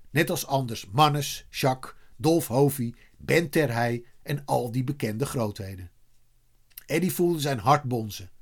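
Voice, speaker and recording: A man reading a children's story aloud in a lively way, voicing the characters. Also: mid-range voice. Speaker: narrator.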